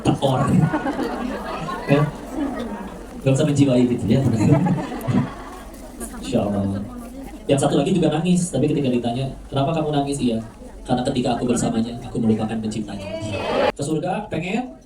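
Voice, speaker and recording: Preacher in an echoey hall. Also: male voice, mid-range voice, quick pace, long pauses, heavy background noise. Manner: conversational, asks the crowd questions, frequent "ya". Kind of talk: lively religious lecture with jokes and audience questions. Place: mosque hall. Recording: echoey hall, mic heard from a distance.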